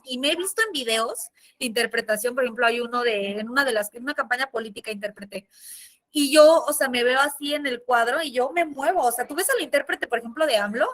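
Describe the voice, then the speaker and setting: Mexican woman teacher, high bright voice, expressive and chatty. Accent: Mexican Spanish. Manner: lively, expressive, chatty with fillers. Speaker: sign language interpreter and teacher. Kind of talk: casual classroom lesson.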